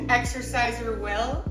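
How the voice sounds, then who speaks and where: A woman with a raised pitch chats playfully, joking like a mock coach. She is a little way from the mic in an echoey space, with music clearly behind her. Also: slow. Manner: jokey, giggly. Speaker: friend posing as running coach. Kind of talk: casual playful chat. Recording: roomy, slightly distant, music behind.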